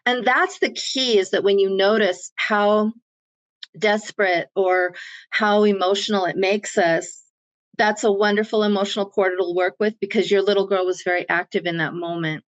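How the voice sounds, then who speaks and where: A woman's voice: mid-range voice, fairly even intonation, normal speed. A woman guest who works as a self-empowerment coach, explaining her ideas in an earnest, coaching way during an interview. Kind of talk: conversational interview.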